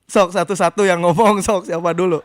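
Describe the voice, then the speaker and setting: A man's voice: sits high, fairly even intonation, a little fast, no echo. A young man hosting a live radio matchmaking call-in, joking and teasing the callers. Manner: teasing, jokey, bursts into hype when announcing. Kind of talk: playful live call-in banter.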